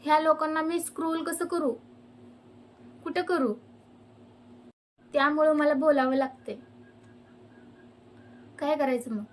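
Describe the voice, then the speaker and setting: Young woman, high voice, fed-up vlog rant. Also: steady tone, measured pace, pauses often. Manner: fed-up ranting. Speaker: vlogger. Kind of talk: complaining to camera.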